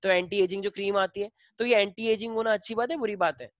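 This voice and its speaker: A male teacher with an Indian accent explaining biology to a class, switching between Hindi and slowly dictated English lines. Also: high-pitched, fairly even intonation, no echo, muffled recording.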